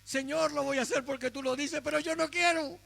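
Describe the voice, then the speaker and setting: A man's voice: very high-pitched, fairly even intonation, measured pace, gravelly, bright, forceful tone, pitched above the performer's own voice, exaggerated voice. A man voicing a reluctant, grumbling prophet who complains while giving in, recorded in an echoey hall with a faint hum.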